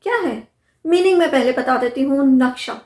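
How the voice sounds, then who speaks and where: A woman with a high voice teaches pronunciation in a casual video lesson. She talks straight to the viewer, asks questions and repeats words slowly. The sound is roomy and echoey. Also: lively intonation, a little mellow.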